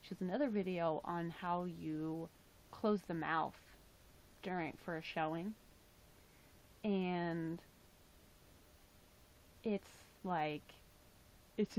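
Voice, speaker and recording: A woman's voice: on the low side, slow pace, pauses often, a little mellow, low-quality recording. A young woman casually chatting on her livestream, reading chat aloud and filling her talk with "like" and "um", her voice tired. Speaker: livestream host.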